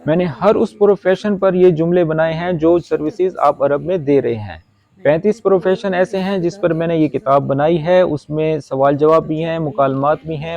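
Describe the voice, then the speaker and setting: A man with a Pakistani accent teaching spoken Arabic in a casual Urdu lesson, explaining slowly and repeating words with chatty asides. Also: on the high side, a little mellow, lo-fi sound. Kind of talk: informal language lesson.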